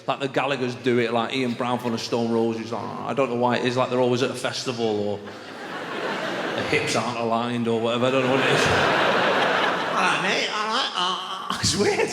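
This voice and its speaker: A man's voice: mid-range voice, little pitch movement, fast. A man with a Mancunian accent performing stand-up comedy to a live audience, telling stories in a chatty, conversational way and acting out exchanges. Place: on stage in a large venue. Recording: echoey live hall with clear background noise.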